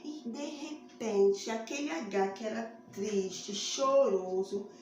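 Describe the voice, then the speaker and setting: A Brazilian-accented woman teacher tells small children a phonics story, pointing to letters on the classroom board while drawing out her vowels in a slow, sing-song manner. Her voice is a little high with a darkish tone; the recording has its highs cut off, very echoey room sound, faint room noise, and faint music behind her.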